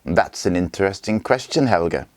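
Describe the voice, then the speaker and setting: A man's voice: deep voice, lively intonation, moderate pace, no echo. A man voicing a cruel, smug Viking warlord who talks in a mocking, self-satisfied way. His lines come from a storybook read aloud.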